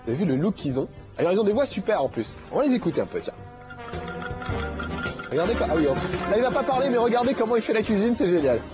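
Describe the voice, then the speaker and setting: Over music, a man hosting a game show chats fast and jokily, his high-sitting voice swinging widely in pitch. A slight head cold makes him a little nasal, and his casual talk over the gameplay is full of fillers. The audio sounds dull.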